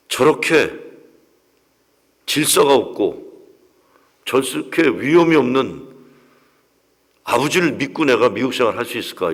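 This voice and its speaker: A pastor in his sixties telling a personal story in a sermon, with emotional storytelling. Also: medium pitch. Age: 60s. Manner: emotional storytelling, acts out quoted voices. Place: church sanctuary. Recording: long reverb of a church hall.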